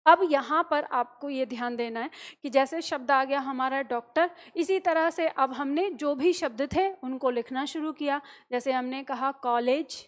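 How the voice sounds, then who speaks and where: A woman's voice: high voice, moderate pace, hardly any pauses. A woman teaching a grammar lesson, explaining step by step and asking rhetorical questions that she answers herself. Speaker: Hindi teacher. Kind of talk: classroom-style grammar lesson.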